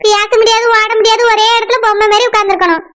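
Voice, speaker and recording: A woman's voice: very high-pitched, steady tone, very fast, fairly bright tone, a little hiss or hum. A woman voicing cheeky, scheming village children with a southern Tamil accent and a playful manner. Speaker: cartoon voice artist.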